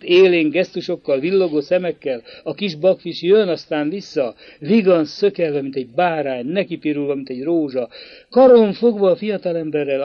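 A man narrating a classic novel as an audiobook in an expressive, dramatic reading style. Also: fairly high pitch, no echo, lo-fi sound.

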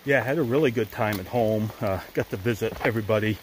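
Older male hiker, handheld camera, low voice, laid-back and wry, faint outdoor noise behind. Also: quick pace, rough recording. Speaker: thru-hiker vlogger. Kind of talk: casual trail vlog. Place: outdoors on a wet mountain trail in the woods. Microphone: handheld camera at arm's length.

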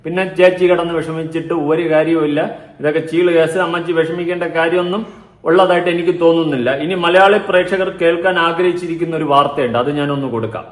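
Sarcastic young male commentator, quick high-ish delivery, reverberant room sound. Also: fairly even intonation. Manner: mocking, sarcastic, lecturing. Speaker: vlogger and show commentator. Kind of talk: reaction vlog commentary. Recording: echoey room.

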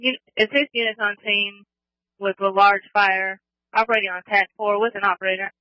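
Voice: medium pitch, steady tone, fairly quick, sharp tone, dry recording. An emergency dispatcher giving terse, procedural radio updates. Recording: muffled scanner radio audio.

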